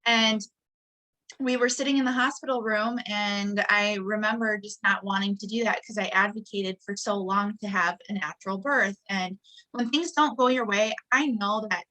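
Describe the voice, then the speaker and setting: The audio is poor as a guest entrepreneur, a Wisconsin woman in her late twenties, earnestly tells personal stories in an interview, frequently laughing and beginning sentences again. Her mid-range voice is sharp, with fairly even intonation and a moderate pace.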